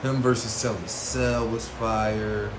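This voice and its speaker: Here a man with a low-leaning voice talks slowly and with little pitch movement as he hosts a casual vlog about battle rap artists. He uses slang and emphatic repetition, and the audio has roomy echo and clear background noise.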